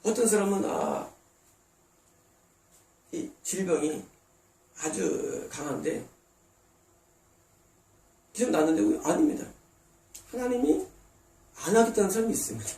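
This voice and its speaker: Higher-pitched Korean pastor preaching in a roomy hall. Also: male voice, big pitch swings, unhurried, pauses often, warm tone. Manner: emphatic preaching, voicing God and congregants in quoted asides. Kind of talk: sermon. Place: church sanctuary. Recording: roomy distant church recording.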